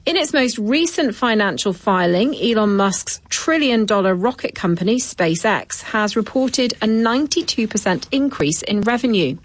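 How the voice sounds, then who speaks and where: A woman reads scripted radio news headlines in a crisp, even manner. The sound is dry and close, with no room around her voice. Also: fairly high pitch, moderate pace, hardly any pauses, no echo. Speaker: newsreader.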